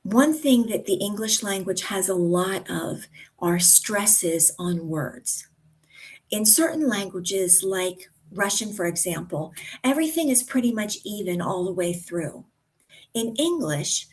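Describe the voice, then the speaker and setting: An American woman coaching pronunciation, speaking deliberately and drawing out example words with careful articulation. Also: mid-range voice, animated, poor audio. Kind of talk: instructional talk to camera.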